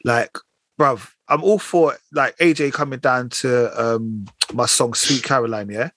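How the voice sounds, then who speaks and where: A man's voice: medium pitch, measured pace, a bit bright, dry recording. A man with a London accent in heated, slangy casual banter, arguing his points. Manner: slangy, argumentative.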